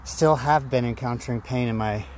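A middle-aged man talking casually to his phone outdoors in a halting, phrase-by-phrase way, as an amateur runner making a vlog. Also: medium pitch. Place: outdoors among trees. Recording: noisy outdoor ambience with traffic. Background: outdoor and vehicle noise.

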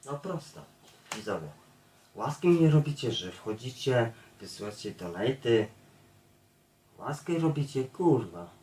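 A man's voice: medium pitch, very animated, measured pace, long pauses, warm tone, slight background noise. A man streaming a blunt, profane, repetitive rant to his viewers, addressing them over and over. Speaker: YouTube streamer. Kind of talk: ranting monologue to viewers. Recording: echoey room, far from the mic.

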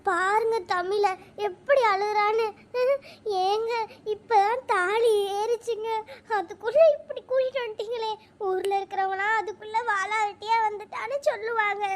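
A woman's voice: extremely high pitch, steady tone, normal speed, a little hiss or hum. A woman voicing a pleading young village wife in a cartoon, complaining to her husband.

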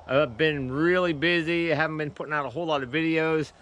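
A man's voice: fairly high pitch, fairly even intonation, fairly quick, fairly bright tone. A middle-aged man filming a casual walk-and-talk vlog outdoors on a head-mounted action camera, talking in an easygoing, rambling way with many restarts. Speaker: vlogger and beekeeper. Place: outdoors at a rural building site.

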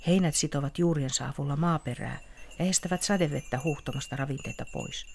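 Kindly swaying grasses voiced by a woman explain in a soft, rustling voice with a gravelly edge. The tone stays calm and patient. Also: low-pitched, background noise.

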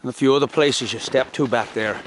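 A man's voice: mid-range voice, brisk. Man, outdoor winter vlog, playful joking talk, noisy camera audio. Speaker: vlogger. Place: snowy woods outdoors in winter.

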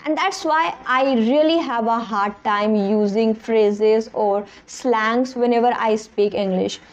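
In a casual, earnest talk to a nearby camera, a young adult Hindi-speaking woman describes learning English from her small bedroom, keeping her words plain and direct. She speaks slowly in a fairly high voice, and the recording is muffled.

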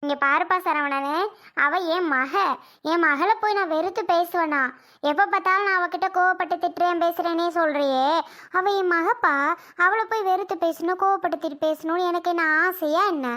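Lady playing a nagging stubborn mom, super high bright voice, keeps arguing back. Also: normal speed. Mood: defensive. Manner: scolding, argumentative. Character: scolding middle-aged mother, stubborn and defensive. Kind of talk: family drama skit.

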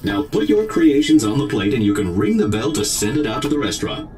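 A man's voice: medium pitch, sing-song, a little fast, darkish tone, slight background noise. A man voicing a polite male robot guide in a game, with a synthetic robot sound and dry, matter-of-fact instructions. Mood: instructive.

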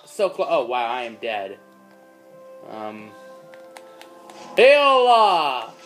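Speaking very slowly in a mid-range voice, a teenage boy casually comments on his gameplay as faint music plays. He hosts a let's play filmed on a phone in a dim room facing a screen, and he's excitable, yelping when he gets hurt.

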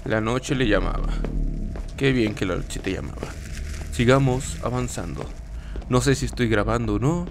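A man's voice: mid-range voice, moderate pace, background noise. A young man commentating a horror game as he plays, reacting with swearing and nervous laughs. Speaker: gaming YouTuber.

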